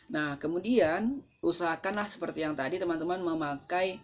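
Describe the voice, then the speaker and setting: Indonesian-accented mentor, casual conversational teaching, mid pitch, slightly lo-fi. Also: moderate pace. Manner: conversational, explains with acted examples, frequent fillers. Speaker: presentation skills mentor. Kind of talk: casual live-stream teaching talk. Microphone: phone. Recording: slightly dull lo-fi live-stream audio.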